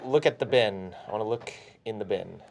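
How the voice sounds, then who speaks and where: A man's voice: lowish voice, brisk, gravelly, a little mellow. A man chatting casually as a player in a tabletop game, talking through plans with the group. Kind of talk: casual chat while playing. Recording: faint background noise.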